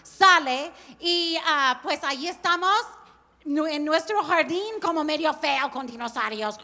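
A woman preaching a sermon, telling stories in an animated way and laughing along. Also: high voice, unhurried, in a large hall. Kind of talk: storytelling sermon.

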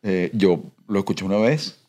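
A man speaks as a podcast guest in a very deep voice. He talks in an easygoing, halting way, often pausing and trailing off mid-thought. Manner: relaxed, hesitant, trails off. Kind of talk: casual chat.

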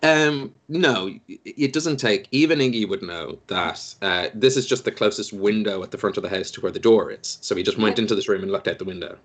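A man's voice: on the low side, brisk, few pauses, fairly bright tone. A man running a tabletop game, in a loose, jokey manner. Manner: jokey, loose, laughing often. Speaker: game master.

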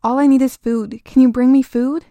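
Storybook monster: a giant hungry fly, eerie and pushy, hissing in a hushed voice that hardens into demands, as a woman puts it on, gravelly edge, dark tone. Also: high-pitched, steady tone, normal speed, dry recording. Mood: pleading. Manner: whispering, then insistent and demanding.

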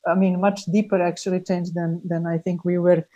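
Female panel speaker, mellow tone, earnest and pausing. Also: lowish voice, little pitch movement. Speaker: cooperative group member and moderator. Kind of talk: panel discussion.

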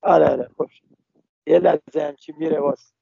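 A young man speaking over a phone line in an interview, talking haltingly with many restarts and fillers. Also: on the high side, steady tone, creaky, slight background noise. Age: young adult. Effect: heard over a phone line.

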